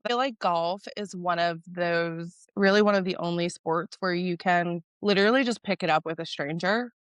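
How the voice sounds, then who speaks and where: A woman co-hosting a sports podcast in casual chat, supportive and quick with affirmations. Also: fairly low pitch, clear, resonant tone, no echo. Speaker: podcast co-host.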